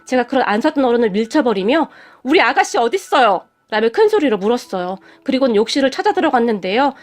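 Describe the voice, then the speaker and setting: High-voiced woman narrating a story. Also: sing-song, quick pace, a little mellow. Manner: emotional, dramatic. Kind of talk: scripted first-person narration.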